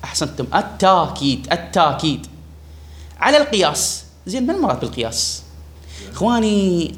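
Fast-talking grammar teacher. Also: male voice, on the high side. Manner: emphatic, quizzes students, repeats key words. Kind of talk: classroom lesson explaining a text.

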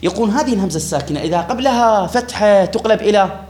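A man gives a classroom grammar lesson at a brisk clip, his voice sitting a little high. He stresses key words and quizzes the students as he explains. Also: animated, a little mellow. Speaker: Arabic grammar teacher.

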